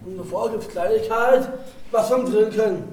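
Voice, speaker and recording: A man's voice: high voice, unhurried, darkish tone, distant mic. A man playing a courteous castle count who speaks as a welcoming host. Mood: gracious. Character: courteous count inviting guests to his castle. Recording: echoey room, off-mic.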